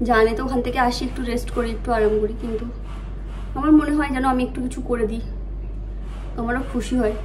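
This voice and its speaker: A woman's voice: fairly high pitch, steady tone, quick pace, long pauses, slight background noise, low-quality recording. A woman chatting casually to her viewers in a daily home vlog, explaining her chores as she goes. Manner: talks softly while child sleeps; sing-song coaxing voice with child. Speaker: vlogger. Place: home, kitchen and rooms, indoors.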